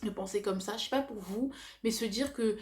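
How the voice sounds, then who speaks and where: A young woman talks to her viewers in a casual, confessional way, at a middling pitch. Her s sounds come out slushy with a lisp. She is animated yet halting, often correcting herself and slipping in slang and English words. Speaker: vlogger.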